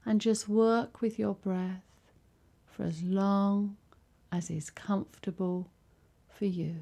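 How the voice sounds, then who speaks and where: Very slow, soft-spoken yoga teacher woman. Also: mid-range voice, fairly even intonation, gravelly. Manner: soft, slow, soothing instructions with long pauses. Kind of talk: guided yoga and relaxation.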